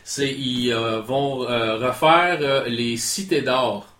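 A man's voice: mid-range voice, slow pace, a bit bright, reverberant. A man with a Quebec French accent, hosting a casual podcast and chattily reviewing a video game.

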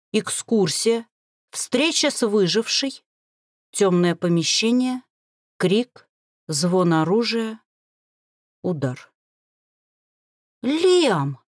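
A woman narrating a first-person fantasy novel, expressive storytelling. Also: mid-range voice, no room sound, studio quality. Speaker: audiobook narrator.

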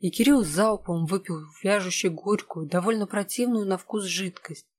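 A narrator reading a novel aloud in a steady, measured way. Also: medium pitch. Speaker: audiobook narrator. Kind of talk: scripted narration of a fantasy novel.

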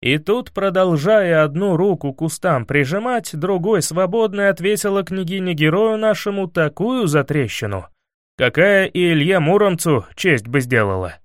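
A male narrator reads a fairy tale with playful flair, his fairly high voice rising and falling in an animated way. The recording is dry and close, with no room sound. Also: normal speed, dry recording. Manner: playful, lively storytelling. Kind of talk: expressive audiobook narration.

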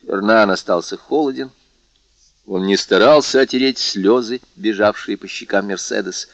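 A man narrating an audiobook in a measured, even reading. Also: fairly low pitch, no room sound. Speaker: audiobook reader. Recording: dull, dry audiobook recording.

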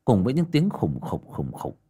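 A man's voice: on the low side, wildly swooping pitch, moderate pace, dark tone, a little hiss or hum. A man narrating a village horror story in a dramatic, ominous way.

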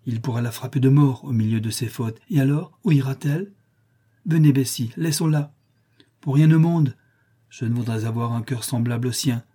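A man's voice: medium pitch, moderate pace, mellow, breathy edge, close to an everyday voice. A man voicing a stern, pious middle-aged maid in a storybook reading, who scolds in a self-righteous way. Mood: scolding.

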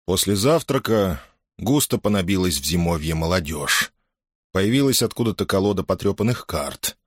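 A man narrating a novel aloud in an expressive, storytelling manner. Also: low voice, moderate pace, no echo, studio quality. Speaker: audiobook reader. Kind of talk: scripted narration.

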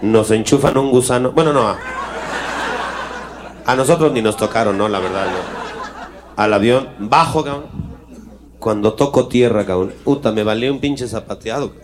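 A man with a Mexican accent telling a crude, rapid stand-up story, often jumping into high squeals. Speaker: stand-up comedian. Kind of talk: stand-up routine. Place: live venue with audience. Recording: live show with crowd and noise.

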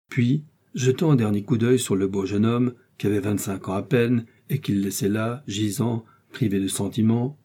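A man reads a classic novel aloud at a steady, even pace. His voice sits low and sounds husky. The tone is dark and mellow. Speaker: audiobook narrator. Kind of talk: scripted narration.

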